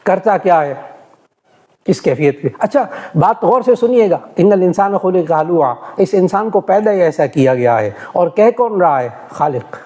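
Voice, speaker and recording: A man, a religious scholar, gives a lecture on scripture, repeating key points and swinging from loud emphasis to hushed remarks. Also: high voice.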